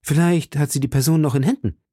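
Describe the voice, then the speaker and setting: A man's voice: on the high side, fast talker, mellow, no room sound, clean studio sound, pitched above the performer's own voice, lightly acted. A man reading an audiobook, voicing a young, earnest nobleman who asks worried questions.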